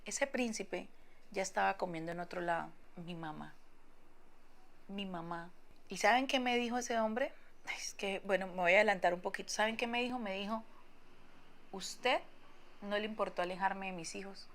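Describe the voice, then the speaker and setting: Mujer colombiana narrando su propia historia, arrepentida, enfática, voz de tono medio. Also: female voice, medium pitch, normal speed, fairly bright tone. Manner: regretful, emphatic, acts out quoted people. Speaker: woman telling her own story. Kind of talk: confessional first-person testimony.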